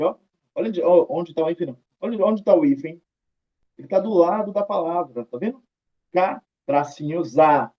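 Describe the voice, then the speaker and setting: Chatty Brazilian male teacher, dull sound. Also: fairly high pitch. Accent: Brazilian Portuguese. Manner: chatty, drawing out tag questions, mildly scolding. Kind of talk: recorded writing lesson, talking students through examples on screen.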